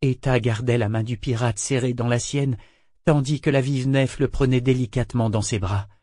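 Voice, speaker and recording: A man's voice: medium pitch, fairly even intonation, moderate pace, darkish tone, no room sound. Man reading a novel, dry close sound. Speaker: audiobook narrator. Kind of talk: dramatic audiobook narration.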